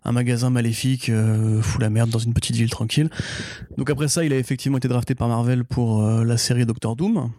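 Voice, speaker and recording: A talkative man co-hosting a podcast, explaining things at length with many fillers along the way. His voice is mellow and warm, and the sound is close and dry. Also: mid-range voice, steady tone, fast talker, no echo. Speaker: podcast co-host. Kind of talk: casual podcast chat.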